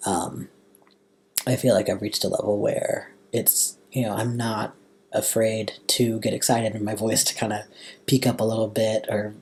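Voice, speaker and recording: A young American man with a slightly husky voice and a valley girl way of talking, chatting casually in a personal vlog. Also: on the low side, flat delivery, a little mellow. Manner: valley girl inflection, drawn-out casual phrasing. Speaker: vlogger.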